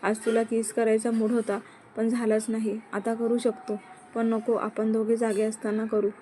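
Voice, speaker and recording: A woman reading the lines of a tender, awkward young husband in a storybook tale, speaking softly and confidingly. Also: on the high side, completely flat delivery, normal speed, slight background noise, lightly acted, poor audio.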